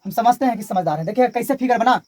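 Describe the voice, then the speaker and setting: A man's voice: very high-pitched, quick pace, darkish tone, dry recording. Male teacher, Bihari Hindi accent, classroom physics lecture, repetitive, quizzes students call-and-response.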